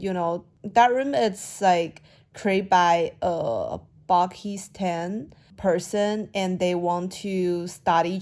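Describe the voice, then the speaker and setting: Quiet slow-speaking woman with a Chinese accent. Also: mid-range voice. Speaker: vlogger. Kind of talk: casual late-night vlog.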